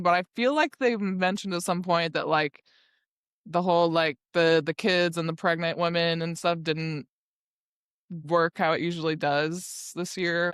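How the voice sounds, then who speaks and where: A woman's voice: fairly low pitch, fairly bright tone, no room sound, studio quality. Rambling, laughing woman podcaster. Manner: rambling, laughs often, curses freely. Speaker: podcast co-host. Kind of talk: casual book discussion. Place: recording studio.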